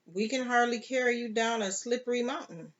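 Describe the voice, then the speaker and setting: A reader doing a rough, cynical pirate captain. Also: mid-range voice, brisk, fairly bright tone, dull audio, voice pushed up, natural voice. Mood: gruff.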